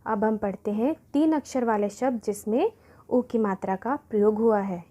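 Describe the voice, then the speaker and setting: A woman teaching a kindergarten phonics lesson, sounding out syllables and stressing each word loudly. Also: a little high, moderate pace. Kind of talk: slow classroom phonics lesson.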